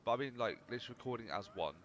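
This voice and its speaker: A man's voice: medium pitch, animated, racing, lo-fi sound. A young man rambling casually through gameplay commentary, swearing freely as he chats. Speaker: gaming channel host.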